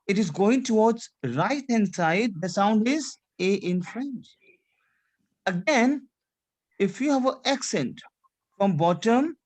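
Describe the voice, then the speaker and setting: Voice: mid-range voice, a little mellow. Teacher mixing English and French. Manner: repeats phrases, checks understanding with "C'est clair? D'accord?"; mixes English with French phrases and a little Hindi. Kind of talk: online language class.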